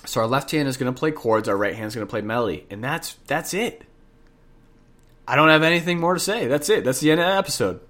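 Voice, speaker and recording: This podcast host teaches jazz piano in a mid-range, slightly bright voice, speaking fast through a congested nose. He's chatty, goes back over the main ideas, and fixes his own slips as he talks.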